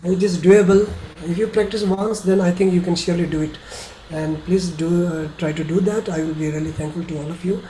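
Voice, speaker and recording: A middle-aged man with an Indian accent, giving an informal webinar talk as a tour operator in a halting, hesitant way. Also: high voice, steady tone, warm tone. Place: small bedroom indoors, video call. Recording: slightly noisy video call.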